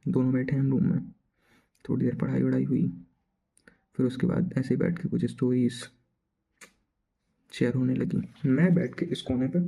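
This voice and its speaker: A man's voice: mid-range voice, gravelly, warm tone, husky. A young man casually telling a personal story, chatty and slangy, acting out the dialogue as he goes.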